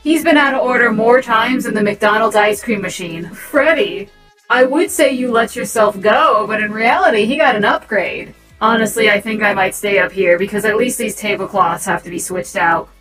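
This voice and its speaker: A woman's voice: medium pitch, normal speed, fairly bright tone, lightly acted, poor audio. A woman voicing a vain, snarky female animatronic star in a fan animation, complaining sarcastically and boasting about herself. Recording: faint music underneath.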